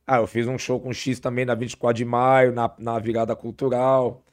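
A man's voice: mid-range voice, normal speed. Guy w/ a são just chatting, lots of slang n restarts, average voice. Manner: relaxed storytelling, heavy slang, frequent restarts. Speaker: podcast guest. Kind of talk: casual chat.

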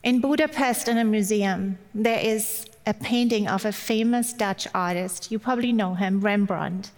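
A mid-range voice at moderate pace belongs to a middle-aged German woman speaking with a German accent. As a guest at church she gives a personal sermon with a bit of humor, recorded with long, hall-style reverb.

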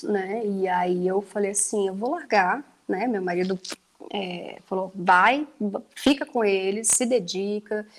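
A woman in her forties from Brazil, chatting casually about her children and filling her talk with little tag questions. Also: medium pitch. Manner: chatty, many fillers like "né". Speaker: mother, conversation guest. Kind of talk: casual chat.

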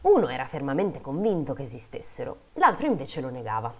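Woman reading folk tales aloud, low voice, very lively swings in pitch, playful asides. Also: fairly quick. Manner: playful, breaks off into jokey comments and laughter. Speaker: podcast host reading fairy tales aloud. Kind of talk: storytelling read-aloud with casual asides.

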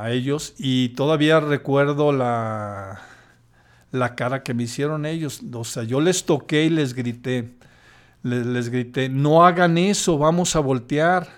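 Older man telling a story haltingly. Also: medium pitch, darkish tone, smooth. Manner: hesitant, halting, with many restarts. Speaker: podcast guest. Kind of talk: personal storytelling.

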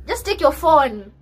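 A woman's voice: sits high, slight background noise. A woman with a Kenyan accent chatting casually as a podcast co-host, emphatic and full of advice, switching between English and Swahili slang.

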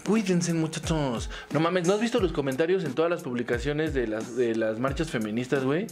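A man with a Mexican accent in casual comedic chat, animated, slangy and full of swearing. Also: a little high, brisk.

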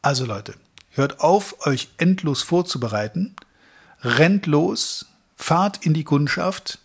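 A middle-aged German man delivers a motivational sales training talk with a slightly husky voice that sits a little high for a man. He speaks straight to his listeners and strings together long runs of verbs and instructions. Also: lively intonation, slow. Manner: addresses listeners directly, piles up long lists of verbs.

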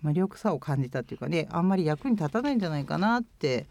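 A woman's voice: low voice, big pitch swings, fast talker, vocal fry, darkish tone. A woman in her fifties from Japan, answering interview questions in a thoughtful, hesitant way with many fillers. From Chiba, Japan. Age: 50s. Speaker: guest, former overseas volunteer.

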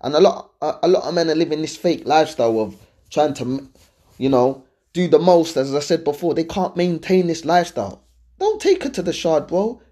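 A man's voice: fairly high pitch, animated, fairly quick, warm tone. A man with a London accent chatting casually and giving his opinions to viewers in a slangy, conversational way, often checking that they follow him. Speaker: host giving dating and lifestyle advice.

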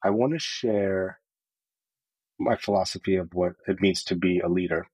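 A man's voice: sits low, steady tone, normal speed, a little mellow, breathy edge, no echo, poor audio. A man telling his story openly and earnestly as a podcast guest, with many casual filler words. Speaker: podcast guest, sales leader. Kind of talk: candid personal storytelling.

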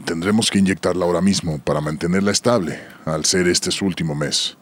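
A man's voice: low-pitched, fairly quick. A man acting a grave doctor and storyteller in an audio drama, with a solemn, scripted delivery.

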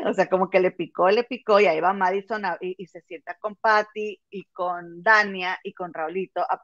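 A woman's voice: mid-range voice, dry recording. A woman retells gossip in a chatty, storytelling way, calling her friend comadre. The sound is dry and close, with a slightly muffled, dull tone. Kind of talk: casual gossip chat.

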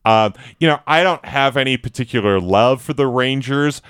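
A man's voice: medium pitch, moderate pace, fairly bright tone, clear, resonant tone, dry recording, clean studio sound. A man co-hosting a sports radio show, chatting casually with a wry, joking manner.

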